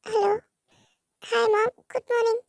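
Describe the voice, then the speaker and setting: A woman's voice: extremely high pitch, level tone, moderate pace, creaky. A woman playing a touchy, proud young woman with defensive, self-critical outbursts in a fan-dubbed romance drama. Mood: irritated.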